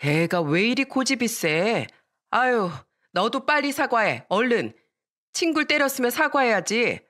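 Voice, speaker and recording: A woman's voice: medium pitch, expressive, measured pace, fairly bright tone. A woman voicing a haughty neighbor mother who scolds sharply and dismissively. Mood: scornful scolding.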